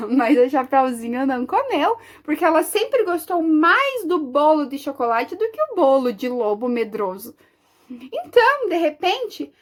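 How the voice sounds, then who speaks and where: A woman preschool teacher from Brazil telling a story to young children in an expressive, sing-song way. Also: extremely high pitch.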